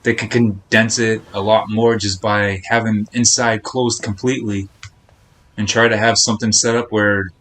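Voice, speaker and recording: With game music in the background, a male game streamer chats casually and informally while playing, meandering from one thought to the next. His voice is fairly low and fairly bright, level in tone, at normal speed.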